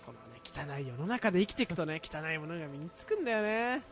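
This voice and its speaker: A man's voice: on the high side, sing-song, quick pace, music in the background. A man co-hosting a radio talk show in a playful, mock-dramatic casual chat.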